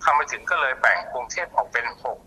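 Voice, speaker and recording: Man on a phone line explaining stuff fast, husky and sharp sounding, lots of uh and restarts. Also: medium pitch. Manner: explanatory, many fillers and restarts. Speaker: community organization chairman, phone guest. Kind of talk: explaining on a call-in interview. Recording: phone line over radio.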